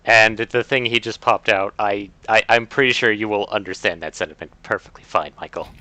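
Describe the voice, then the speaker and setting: Man, bright voice, dry close sound, casual game stream chatter, filler-heavy rambling. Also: lowish voice, brisk, no room sound. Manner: rambling, many filler "uh"s and restarts.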